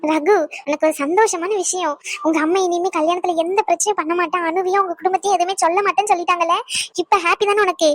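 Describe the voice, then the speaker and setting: A woman's voice: very high voice, fairly even intonation, no room sound, clean studio sound. A woman voicing a bossy, caring cartoon friend. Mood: coaxing. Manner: coaxing, advising, quick. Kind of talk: cartoon voice acting.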